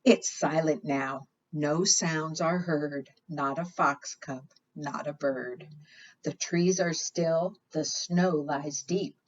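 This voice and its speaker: A woman with a deep voice reads aloud at a slow pace during a preschool storytime. She reads expressively and turns questions to the young audience, all on a dull, lo-fi recording.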